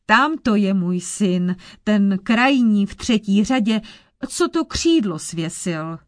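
A woman's voice: mid-range voice, expressive, no echo, clean studio sound, natural voice. A woman voicing a limping, kindly old father who worries about his son. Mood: glad.

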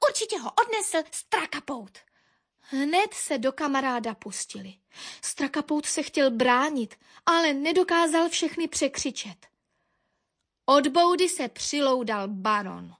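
A woman narrating a children's animal story with a lively, expressive reading. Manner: lively expressive reading, dropping low for asides.

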